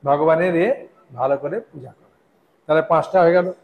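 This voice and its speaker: A man preaching a devotional sermon to a live audience, speaking slowly and deliberately and often checking in with his listeners with questions. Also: on the high side, narrow, tinny audio. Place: hall with a gathered audience. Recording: echoey hall.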